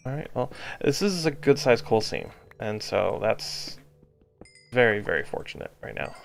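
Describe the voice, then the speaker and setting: An exhausted man giving casual gameplay commentary, halting as he thinks aloud to himself. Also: medium pitch, big pitch swings, vocal fry, faint music behind. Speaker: gaming video host.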